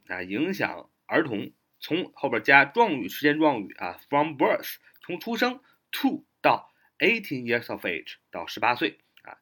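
Lively Chinese man teaching vocabulary. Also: mid-range voice. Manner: spells words letter by letter, frequent "ah" fillers. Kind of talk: exam vocabulary lesson.

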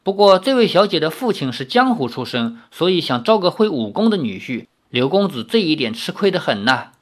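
A man voicing a cheeky young male swordsman who is easily startled, asking quick, incredulous questions in an audiobook reading. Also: fairly high pitch, big pitch swings. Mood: musing.

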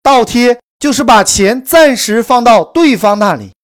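A woman telling a promotional story in a brisk, emphatic scripted sales delivery. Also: fairly high pitch, animated. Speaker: course promoter narrator.

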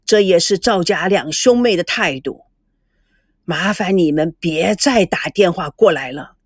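A stern old grandfather rules the family in this audiobook story, as a woman reads him aloud. His voice sits low and moves slowly, with a scolding weight. The recording is dry and close. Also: animated, slightly rough, no room sound.

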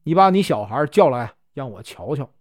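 A man's voice: mid-range voice, sing-song, moderate pace, voice pushed down. A man with a Northeastern Mandarin accent voicing an eccentric, jovial wandering monk who talks bluntly and offhandedly. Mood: offhand.

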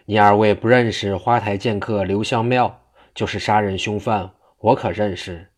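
A man's voice: lowish voice, fairly even intonation, moderate pace, no room sound, clean studio sound, natural voice. A man reading a cocky young bandit swordsman. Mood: cold, boastful. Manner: mocking and boastful.

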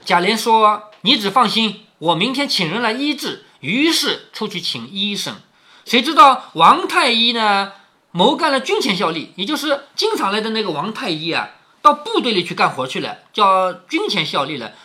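A man with a high, very animated voice and a sharp tone reads a classic novel aloud to his daughter at a moderate pace. He stops to explain each passage in chatty, plain words and asks her questions along the way, storytelling mixed with explanation.

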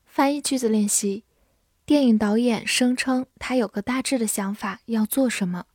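A woman giving a scripted vocabulary lesson, spelling words out letter by letter and repeating them slowly. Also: on the high side, darkish tone, no room sound, studio quality. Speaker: English vocabulary teacher.

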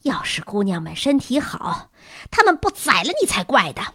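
A woman's voice: mid-range voice, big pitch swings, moderate pace, bright, forceful tone, husky, no room sound, clean studio sound, exaggerated voice. A woman doing a sniffly, reproachful schoolgirl.

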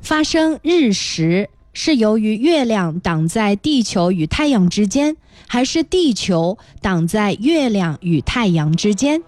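A woman hosting a children's radio quiz, explaining things clearly and encouragingly. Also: mid-range voice, very animated, takes it slowly, darkish tone. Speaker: quiz show host. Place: radio studio.

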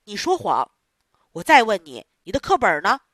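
A woman voicing a scary, gruff, bearded male theatre boss in a storybook reading, talking lower and commanding. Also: expressive, normal speed, dry recording, studio quality, lightly acted. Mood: angry.

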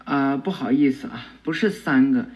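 A man's voice: medium pitch, moderate pace, a little mellow. A man casually retelling a cartoon episode, chatty, with many fillers and self-corrections. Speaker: storyteller retelling an anime episode. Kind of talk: casual oral retelling with acted voices.

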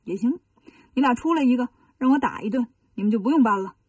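A woman's voice: fairly high pitch, animated, fast, darkish tone, slightly rough, no room sound, distant mic. A woman voicing a brash, fearless male monkey warrior disciple who talks in a bold, bossy way, in a storybook retelling. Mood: domineering.

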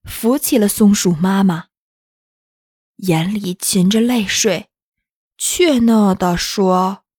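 A woman narrating a children's story in a gentle, unhurried, expressive reading. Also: medium pitch, breathy edge, no room sound, clean studio sound.

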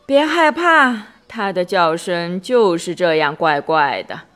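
A woman's voice: lowish voice, slow, soft background music. A woman voicing a patient, sleepy male barnyard friend who soothes the little ones to sleep. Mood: sleepy calm. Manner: calm, soothing, yawning.

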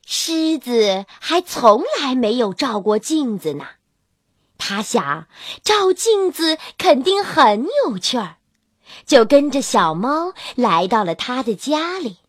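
A woman storyteller reading a children's storybook in an animated, sing-song, expressive way. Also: fairly high pitch, takes it slowly, breathy edge, no echo, clean studio sound.

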